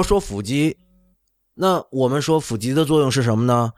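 A middle-aged man with a mid-range voice explains medical matters casually as an orthopedic doctor on a talk show. He often checks understanding with "right?" and is not a native Chinese speaker. Recorded dry.

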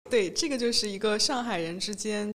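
Shanghai woman, mid-pitched voice, candid, self-deprecating chat. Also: a little fast. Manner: candid, self-mocking storyteller. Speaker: government office worker. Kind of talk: casual chat.

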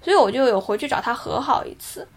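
A woman in her thirties talks fast in a high voice, earnest and reflective as she tells a personal story. Her casual podcast delivery stays conversational and brisk throughout. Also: lively intonation. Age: 30s. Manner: earnest, reflective, re-enacting dialogue in her telling. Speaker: podcast co-host.

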